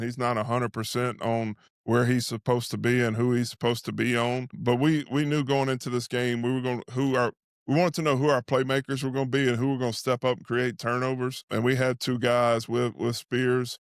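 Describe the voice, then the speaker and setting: A man's voice: mid-range voice, level tone, a little fast, no room sound, clean studio sound. A man giving casual halftime football commentary as a host who talks like an invested fan of the team. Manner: speaks as an invested fan, saying "we". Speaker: sports show host and analyst.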